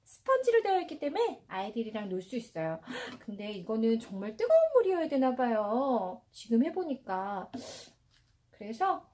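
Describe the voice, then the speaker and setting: A young mother at home narrates play with her baby for a playful parenting vlog, cooing, exclamatory and sing-song. Her voice is on the high side with a dark tone, very animated, at a normal speed.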